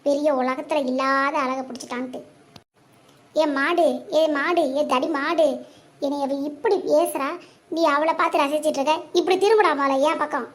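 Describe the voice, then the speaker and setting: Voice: moderate pace, close to an everyday voice. A performer voicing a quarrelsome elderly mother in a cartoon, nagging and hurling insults at her son. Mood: scolding. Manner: shrill nagging scolding, insults. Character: quarrelsome elderly mother, sharp-tongued and scolding. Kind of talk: cartoon comedy voice acting.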